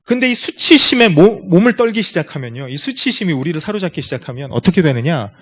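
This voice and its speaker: A man's voice: on the high side, sing-song, fast, a bit bright. Man lecturing parents in a seminar. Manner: explanatory, addresses audience directly with rhetorical questions. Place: lecture room at a school.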